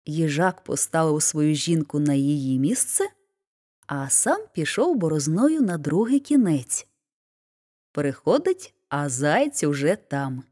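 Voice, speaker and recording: A woman reads a fairy tale aloud, taking her time over each phrase. Her voice moves expressively up and down as the story unfolds. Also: low voice. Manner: expressive, unhurried narration. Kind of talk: storybook reading.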